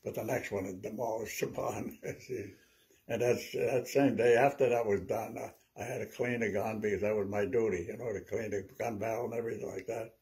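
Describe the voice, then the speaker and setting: An elderly man in his nineties with a dark, relaxed voice. He speaks as an old veteran remembering his service, telling stories conversationally. His recollection is halting and wanders, with words often repeated. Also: on the low side, vocal fry. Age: 90s. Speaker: WWII veteran interviewee. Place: small living room at home, seated.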